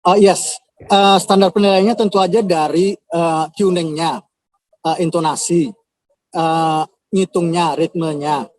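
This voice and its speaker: A man's voice: fairly high pitch, fairly even intonation, a little slow, no room sound. A man, a composer, answering viewers' questions on a live video call in a casual, hesitant way with many filler sounds. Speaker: composer and audition host.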